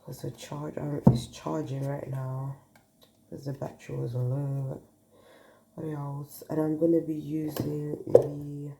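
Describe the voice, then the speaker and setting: Recorded on a phone in an echoey room, a woman with a cold gives viewers a casual tarot reading, sniffling and thinking aloud. Her voice is deep and creaky, and the audio is very noisy.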